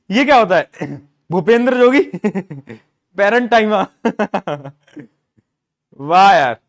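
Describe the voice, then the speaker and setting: A man teaching an online science class in speech, asking students questions and using stories as memory aids, often clearing his throat. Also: extremely high pitch. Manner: asks students questions, uses story mnemonics.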